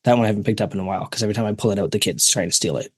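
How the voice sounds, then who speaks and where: A man's voice: fairly low pitch, rapid-fire, slightly rough, no room sound, studio quality. A man in his thirties with a Canadian accent, a podcast host chatting in an earnest, reflective way. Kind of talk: casual chat.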